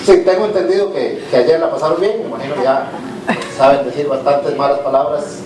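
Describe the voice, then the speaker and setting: A man's voice: a little high, a little fast, crowd noise. Middle-aged Costa Rican man, echoey hall. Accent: Costa Rican Spanish. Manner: informal and candid, frequent "eh" fillers and restarts. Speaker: business leader giving a conference talk. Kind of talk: conversational speech to an audience. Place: conference hall with a live audience. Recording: echoey hall, distant mic, faint noise.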